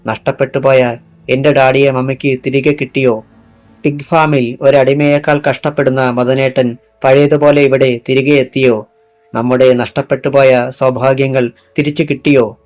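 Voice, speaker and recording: A man's voice: medium pitch, level tone, normal speed, a little mellow, soft background music, close to an everyday voice. A man voicing a fierce young policewoman who swears revenge, speaking with intense resolve in an audiobook. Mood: accusing. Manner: intense vowing speech.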